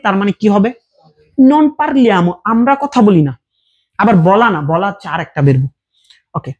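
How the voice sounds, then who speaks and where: Husky-voiced teacher explaining grammar patiently. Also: mid-range voice, darkish tone, highs cut off. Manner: explains patiently with repeated examples and check questions. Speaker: Italian language teacher. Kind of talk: casual online language lesson.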